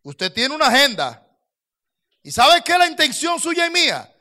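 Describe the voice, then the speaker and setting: A man preaching a sermon as pastor, swinging between soft low asides and loud raised exhortations to his listeners. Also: wildly swooping pitch, moderate pace. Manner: impassioned preaching, addresses listeners as brothers.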